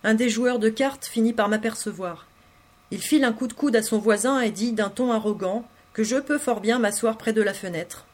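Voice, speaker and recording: A woman narrating a literary story in the first person, reading in an intimate, expressive way. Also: on the high side, normal speed. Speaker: audiobook reader.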